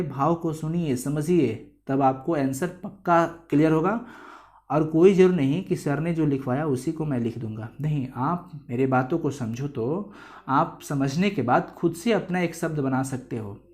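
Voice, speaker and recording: A teacher from India with a Bihari Hindi accent chattily explains a chapter to his students. His voice is slightly high and slightly mellow, and he mixes English words into his Hindi and acts out quoted lines.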